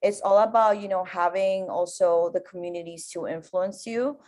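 A young Puerto Rican woman in her twenties speaks as a guest on a podcast. Her voice sits slightly low, and she talks easily and relaxed, mixing two languages in the same sentence. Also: measured pace. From Puerto Rico. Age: 20s. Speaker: guest artist. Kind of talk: casual podcast interview.

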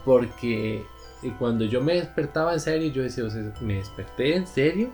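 A man with a Costa Rican Spanish accent talks in a relaxed, chatty way and pauses on fillers as he tells his story. His pitch sits in the middle of the usual range. Faint music plays softly behind him. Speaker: podcast co-host. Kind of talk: casual chat.

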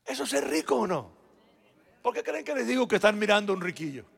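High, gravelly, fiery preacher man. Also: big pitch swings, quick pace. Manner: swings between shouted exhortation and quiet, intimate asides; addresses the congregation directly and personally. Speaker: pastor. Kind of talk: sermon. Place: church sanctuary.

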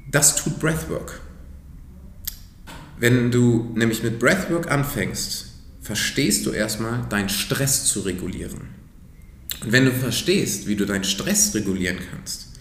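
A man's voice: medium pitch, reverberant. A man speaking as a breathwork coach in a casual podcast conversation, earnest and explanatory, sometimes dropping to a near-whisper for emphasis.

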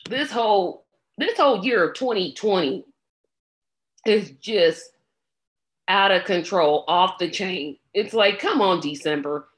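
A woman's voice: mid-range voice, fairly bright tone. A woman with a scratchy throat giving blunt, exasperated commentary on election results, with plenty of ums. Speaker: political commentator. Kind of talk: casual election-night commentary.

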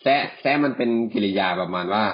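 A man's voice: lowish voice, animated, fairly quick. A man co-hosting a podcast, chatting casually with crude slang and frequent laughs. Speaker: podcast co-host. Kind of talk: casual chat. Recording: dull lo-fi sound.

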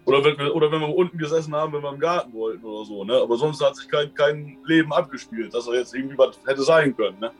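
A man in a casual interview, telling his own experiences in a rambling, colloquial way and often tagging sentences with a quick question. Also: mid-range voice, soft background music. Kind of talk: casual storytelling.

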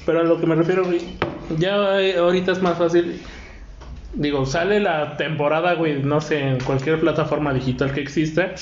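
High-voiced Mexican man, slangy bro banter. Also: steady tone, brisk, slight background noise. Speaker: podcast host. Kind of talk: casual group chat. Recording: roomy, slightly dull, music behind.

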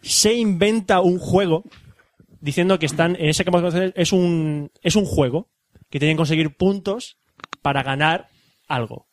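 A man hosts a casual talk show, explaining things with lots of "eh" and restarts. His voice sits a little high, and the recording is close and dry. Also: moderate pace, dry recording. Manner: explains plot with many fillers and restarts. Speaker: podcast host. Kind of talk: casual chat about a film.

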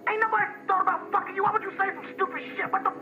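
An actor playing an excitable young male best friend who swears and shouts back indignantly, in a film scene. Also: very high-pitched, very fast, phone-quality sound, music in the background. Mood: outraged.

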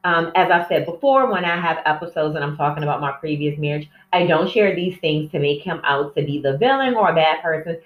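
This podcast host talks alone, casual and candid, rambling and easily distracted, her voice sitting low and moving fairly quickly with few pauses. The recording comes from a distant cell phone in an indoor room with plants, so it sounds echoey and dull.

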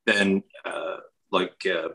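A man's voice: low voice, steady tone, very slow, gravelly, sharp tone, rough recording. A man with an American accent from New York state, chatting casually and rambling with lots of restarts. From Westchester, New York, USA. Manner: rambling, many restarts and fillers. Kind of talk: casual chat.

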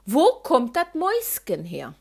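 A woman's voice: high voice, wildly swooping pitch, measured pace, creaky, a little mellow, breathy edge, heavily acted. A woman putting on a scolding dad. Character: gruff middle-aged dad with a regional accent, scolding.

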